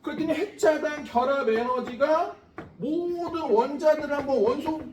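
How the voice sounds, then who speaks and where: A man's voice: very high-pitched, moderate pace, darkish tone, a little hiss or hum. A man lecturing a science class, blunt and profane, joking and firing questions at his students. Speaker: science lecturer at a cram school. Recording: echoey room, mic at a distance.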